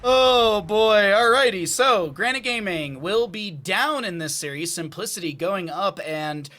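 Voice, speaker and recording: High, bright male esports caster. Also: expressive, measured pace. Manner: jokey, bantering with co-caster. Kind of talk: excitable esports commentary and banter.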